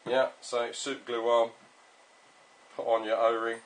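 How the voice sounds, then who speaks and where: A man with a British accent giving a casual hands-on tutorial as an instructor, spelling out each step slowly and repetitively in a patronizing way. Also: medium pitch, flat delivery, low-quality recording. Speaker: repair instructor.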